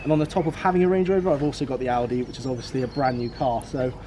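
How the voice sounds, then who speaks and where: A man's voice: mid-range voice, fairly even intonation, very fast, dark tone, slight background noise. A British man in his twenties gives an upbeat, casual motivational vlog outdoors, repeating his key numbers. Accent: British English. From United Kingdom. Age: 20s. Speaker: vlogger. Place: outdoors beside a car.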